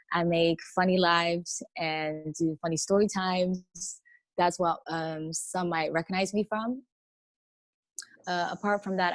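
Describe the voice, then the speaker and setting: Chatty woman from the netherlands, lowish voice, dry close sound. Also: no echo. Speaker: panelist. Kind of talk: online panel introduction.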